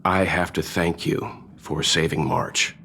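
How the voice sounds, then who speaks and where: A man voicing a calm, older-sounding game character who speaks in a measured, reassuring way. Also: low-pitched, vocal fry, slight background noise, full character voice. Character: calm, older-sounding male doctor-like passenger.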